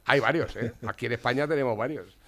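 Gravelly, joking Spanish male host. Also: medium pitch, quick pace, sharp tone. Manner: joking, swears casually. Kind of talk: casual chat reading listener messages.

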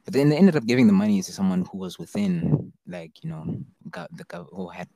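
A man's voice: medium pitch, big pitch swings, brisk, gravelly, dark tone, dry recording, low-quality recording. A young man in casual chat, telling things in a rambling, slangy way. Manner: slangy, rambling storytelling, frequent "bro".

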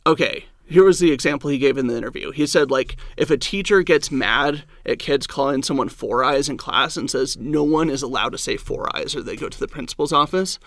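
A man's voice: mid-range voice, a little fast, few pauses, fairly bright tone, no room sound, clean studio sound. A man, a stand-up comedian and the guest, telling a story in casual chat, rambling and filling his talk with "like" and "um". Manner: rambling, heavy use of "like" and "um".

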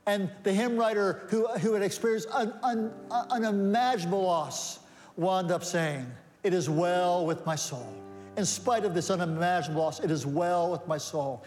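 A man with a high tenor delivers a sermon from a church sanctuary. He stacks rhetorical questions and answers them with rising emphasis, and his voice trails off in a long, echoing reverb. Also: moderate pace, a little mellow. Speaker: pastor.

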